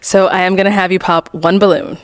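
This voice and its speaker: A woman hosting a dating show, prompting contestants with brisk questions. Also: on the low side, flat delivery.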